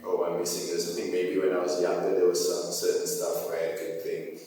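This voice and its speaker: A young man, talking hesitantly and softly with plenty of fillers in a casual family conversation. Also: deep voice, monotone, brisk, slight background noise. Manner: hesitant, soft-spoken, many fillers. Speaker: guest, host's son. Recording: echoey hall, distant mic.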